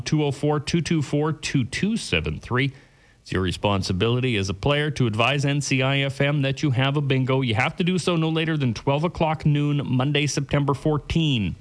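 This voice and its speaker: A man working as a bingo caller on the radio, announcing rules and numbers in a deliberate, repetitive announcer's delivery. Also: medium pitch.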